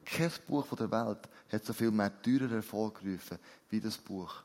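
A man's voice: lowish voice, normal speed. A man preaching a sermon, earnest and putting direct questions to his listeners. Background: soft new-age music.

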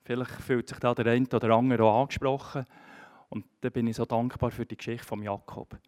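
A man's voice: mid-range voice, fairly even intonation, fairly quick, a little mellow. A man giving a candid personal testimony on a church stage.

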